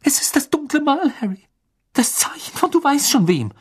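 An audiobook reader voicing a frightened teenage schoolgirl who speaks in a high, urgent, pleading voice. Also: moderate pace, lightly acted. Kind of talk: audiobook character voice.

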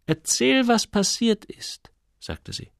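A man's voice: very high-pitched, huge pitch swings, slow, gravelly, dry recording, clean studio sound, voice pushed up, heavily acted. A man putting on a teasing, curious woman. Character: curious grown woman, teasing, relaxed and knowing.

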